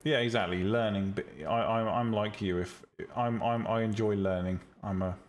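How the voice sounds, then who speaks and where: On a live stream, a man whose voice is on the low side, at normal speed, casually and bluntly discusses making 3D tutorials with viewers. His delivery is calm and relaxing but full of ums and restarts, and he teaches 3D rendering and visual novel making.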